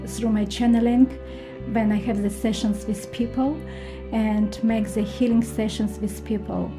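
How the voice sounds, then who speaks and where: A woman from Ukraine with a Ukrainian accent, a guest healer answering radio interview questions in halting non-native English with many pauses and ums. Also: a little high, fairly even intonation, over music. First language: not English.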